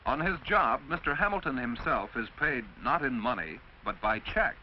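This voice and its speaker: This American man narrates like a mid-century instructional film, his medium-pitched voice carrying lively intonation. He explains things in a measured, didactic way with careful enunciation. The old film soundtrack sounds dull and carries faint noise.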